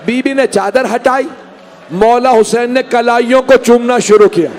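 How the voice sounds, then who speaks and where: A man with a Pakistani Urdu accent reciting a Muharram mourning sermon to a gathered congregation, with impassioned, drawn-out cries. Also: extremely high pitch, slight background noise. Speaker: majlis reciter.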